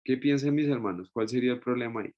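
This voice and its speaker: A man's voice: medium pitch, quick pace, highs cut off. A man teaching a Bible study class, explaining step by step and often checking in with his listeners through short tag questions. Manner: explains step by step with many restarts. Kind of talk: Bible study lesson with a shared screen.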